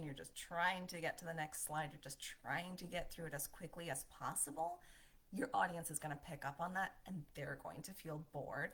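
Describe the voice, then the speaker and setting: A woman's voice: sits low, a bit bright. A woman giving a marketing lesson as a voiceover, upbeat and conversational, with a smile in her voice. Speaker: marketing instructor.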